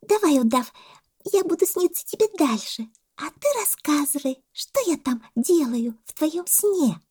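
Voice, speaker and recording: A woman voicing an excitable little female monkey with a very high, squealing voice. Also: measured pace. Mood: excited.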